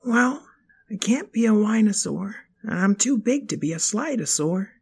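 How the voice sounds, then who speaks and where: A man voicing an eager, dreamy young boy dinosaur in a children's story, excitable and pleading with a sing-song delivery. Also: high voice, normal speed, creaky, husky, pitched above the performer's own voice, full character voice. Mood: wistful.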